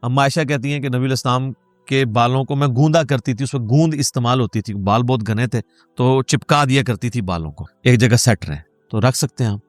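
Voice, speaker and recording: A man's voice: mid-range voice, no room sound, faint music behind. A man giving a religious question-and-answer lecture, explaining rulings and citing hadith in a patient, explanatory way. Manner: explanatory, cites hadith, code-switches English words.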